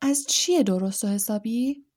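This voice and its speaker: A woman's voice: fairly high pitch, a little mellow, lightly acted. A woman reading aloud, voicing a nervous young wizard boy who hesitates and stammers.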